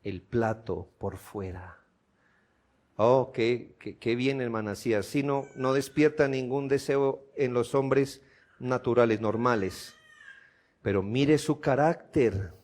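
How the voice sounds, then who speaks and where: A man with a Colombian accent preaching a sermon as pastor in a church, asking his listeners rhetorical questions and building to loud, emphatic peaks. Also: mid-range voice, slow pace. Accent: Colombian Spanish.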